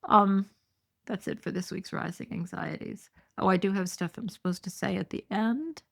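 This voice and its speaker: Speaking at a moderate pace in a mid-range voice with vocal fry, this middle-aged woman hosts a solo podcast. She reads news pieces, reacts with sarcasm and indignation, fills her speech with fillers, and is losing her voice.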